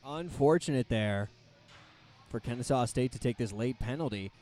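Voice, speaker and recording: A young man giving loose, joking color commentary on a college hockey game, dropping his voice low for wry asides. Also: normal speed, a little mellow.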